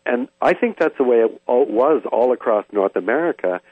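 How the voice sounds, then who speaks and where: An older man from Canada, thoughtfully reminiscing about his childhood with frequent pauses and hesitations. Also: mid-range voice, lively intonation, breathy edge, no room sound. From Vancouver, Canada. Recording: dry, tinny phone-like sound.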